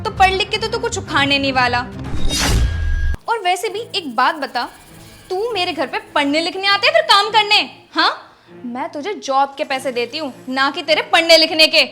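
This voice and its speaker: A woman playing an arrogant rich lady who scolds her driver in a scripted skit, speaking in a sharp, scornful way. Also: expressive, moderate pace, faint music behind, heavily acted. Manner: shrill scolding, later soft apology. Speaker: actor in a short moral skit. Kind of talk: scripted social skit acting.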